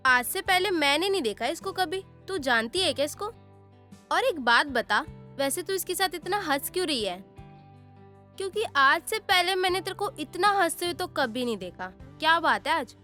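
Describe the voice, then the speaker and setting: A woman voicing a nosy, gossiping middle-aged auntie in an animated story, scolding and nagging. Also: very high voice, normal speed, faint music behind, exaggerated voice.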